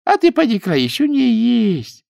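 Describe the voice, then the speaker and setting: A man's voice: extremely high pitch, huge pitch swings, unhurried, gravelly, a little mellow, dry recording, studio quality, pitched above the performer's own voice, heavily acted. A man voicing a half-deaf, grumbling old village woman in an audiobook, with a plaintive folksy manner.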